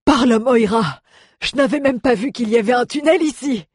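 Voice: mid-range voice, normal speed, slightly rough, no room sound, clean studio sound, pitched above the performer's own voice, close to an everyday voice. A reader voicing a male healer companion in an audiobook, exclaiming in a raised voice. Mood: astonished.

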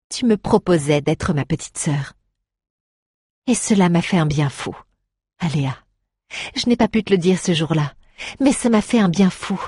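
A woman's voice: mid-range voice, warm tone, slightly rough, no room sound, clean studio sound, natural voice. A woman voicing a caring, stubborn young traveling actress, who speaks to a grieving friend in a coaxing, tender way. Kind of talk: audio drama acting.

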